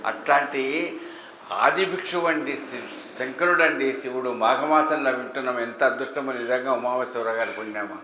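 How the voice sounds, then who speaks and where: A man's voice: mid-range voice, moderate pace. Male devotional speaker, emphatic and questioning, recorded in a roomy hall with faint background noise. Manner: emphatic, rhetorical questions to the audience. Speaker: religious speaker. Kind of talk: devotional discourse. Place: temple hall with an audience. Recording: echoey hall, faint ambience.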